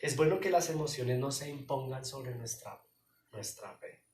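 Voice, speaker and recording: A man's voice: mid-range voice, normal speed, a little mellow, slight background noise. A man preaching a sermon as pastor, emphatic and pleading, speaking straight to his listeners. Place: church hall. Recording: echoey hall, voice from far off.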